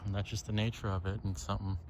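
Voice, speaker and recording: Rapid-fire speech in a lowish voice with little pitch movement marks this clip of a solo podcaster out on a lakeside trail. He rambles and reflects casually, swears freely, and keeps adding "right?" to his phrases, while birds and outdoor ambience play in the background.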